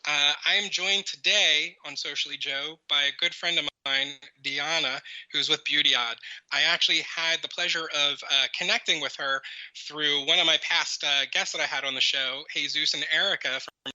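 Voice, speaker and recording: Male podcast host, rambling chatty manner, very bright tense tone, slightly high voice, dry dull audio. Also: steady tone, normal speed, no echo. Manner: rambling, many fillers and restarts, sudden high laughing bursts. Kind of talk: casual interview hosting.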